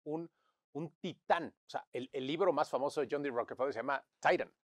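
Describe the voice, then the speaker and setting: A man, a guest in an interview, telling stories in a lively way and acting out what others said to him. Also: on the high side, brisk, dry recording. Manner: animated storyteller, acts out quotes. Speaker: interview guest, crisis management consultant. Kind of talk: conversational interview.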